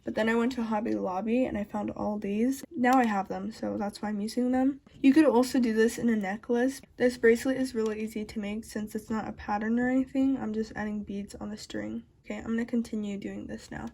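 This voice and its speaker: A woman's voice: fairly high pitch, fairly even intonation, brisk, creaky, hardly any pauses, mellow. A woman hosting a casual craft tutorial, chatting straight to her viewers, her speech slightly altered by the retainers she is wearing. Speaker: DIY craft vlogger.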